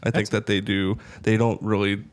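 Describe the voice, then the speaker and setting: Co-host dude, kinda low voice, sarcastic little asides. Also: male voice, completely flat delivery, normal speed. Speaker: podcast co-host. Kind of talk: casual chat.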